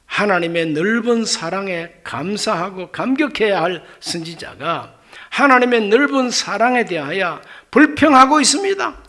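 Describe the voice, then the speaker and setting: A middle-aged male pastor preaching a sermon, acting out dialogue with loud exclamations and quiet asides. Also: high voice, vocal fry.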